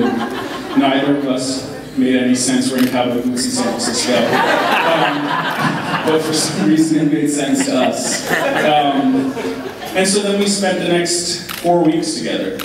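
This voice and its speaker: A man giving an informal wedding speech as the groom, talking in a halting, candid way with wry asides. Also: mid-range voice. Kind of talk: informal wedding speech, partly read aloud. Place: large reverberant event room with audience. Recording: echoey hall, distant mic, background noise.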